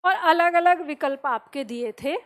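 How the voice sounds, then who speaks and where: A woman's voice: sits high, a little slow. A woman teaching a Hindi grammar video lesson. She keeps asking the viewer rhetorical questions and draws out vowel sounds to demonstrate them.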